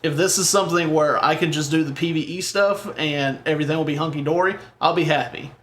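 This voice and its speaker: A male podcast co-host talks about games in loose, rambling chat, stopping to correct himself mid-sentence. His voice sits a little high. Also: fast, fairly bright tone, a little hiss or hum. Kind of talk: casual chat.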